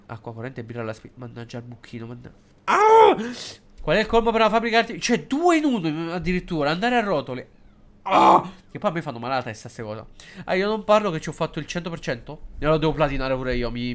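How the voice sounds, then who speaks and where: A man giving casual, excitable and jokey live commentary while streaming a game, hesitant and halting whenever he switches into English. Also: a little high. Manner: excitable and jokey, swings between loud outbursts and mumbling.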